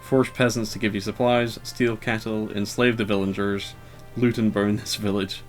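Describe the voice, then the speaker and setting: Rambling low-voiced man playing a game. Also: little pitch movement, moderate pace, soft background music. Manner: rambling, hesitant, lots of fillers; self-deprecating and wry. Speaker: let's player. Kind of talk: casual gameplay commentary.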